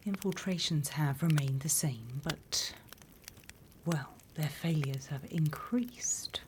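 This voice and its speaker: A British woman plays a sly demon schoolmistress in an ASMR roleplay, murmuring and whispering in a low, unhurried voice. She's slow, deliberate, and teacherly, mock-stern and dry with a teasing, menacing threat underneath. The close recording has some clear background noise.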